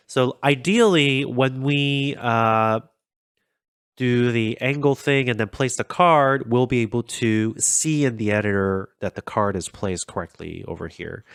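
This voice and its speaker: A man's voice: medium pitch, gravelly, a bit bright, smooth, dry recording, studio quality. A man hosting a casual coding tutorial, thinking aloud in a chatty, self-deprecating way with plenty of fillers. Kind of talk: casual code-along explanation.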